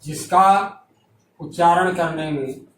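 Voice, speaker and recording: A man teaching a classroom grammar lecture, dictating definitions slowly and checking that students follow. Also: a little high, fairly even intonation, a bit bright. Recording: echoey room, voice from far off mic.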